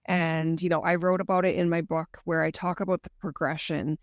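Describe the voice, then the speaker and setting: A woman's voice: on the low side, little pitch movement, a little fast, dry recording, muffled recording. A woman guest telling her story candidly in a conversational interview. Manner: earnest, candid recounting.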